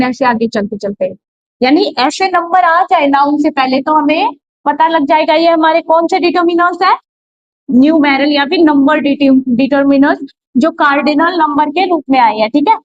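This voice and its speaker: A woman's voice: high voice, no echo. A woman teaching grammar in a classroom lecture, explaining step by step and posing rhetorical questions. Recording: dull, slightly lo-fi, dry sound.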